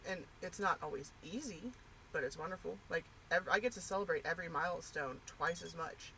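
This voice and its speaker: A woman's voice: on the low side, a little fast, pushed and bright, slight background noise, poor audio. A woman chatting casually and candidly, rambling with lots of fillers. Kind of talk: casual personal chat.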